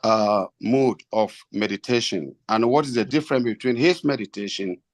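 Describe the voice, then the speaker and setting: A man asking a formal, reverent question as a devotee, deliberately, phrase by phrase. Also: fairly low pitch, no echo.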